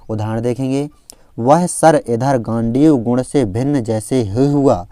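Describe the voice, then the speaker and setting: A man teaching an exam-prep Hindi grammar lesson, explaining step by step and repeating the key definitions, slowing down to recite verse examples. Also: mid-range voice, mellow, no room sound, clean studio sound.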